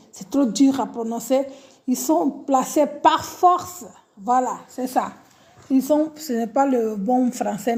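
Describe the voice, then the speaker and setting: A woman with a Portuguese accent hosts a casual live stream from her phone, repeating her greetings and correcting her own word choices. Her voice is a little high and mellow.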